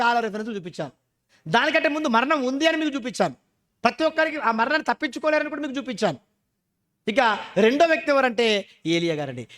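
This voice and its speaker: A male pastor delivers an emphatic sermon in an unusually high-pitched voice for a man. He fires rhetorical questions at his congregation and answers them himself, punctuating his points with short challenging interjections. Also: a bit bright.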